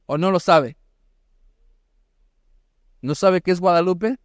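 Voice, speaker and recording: High-voiced emphatic male preacher. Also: takes it slowly, dry recording, clean studio sound. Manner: emphatic, rhetorical questions, bursts of shouted exhortation. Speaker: pastor. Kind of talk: sermon.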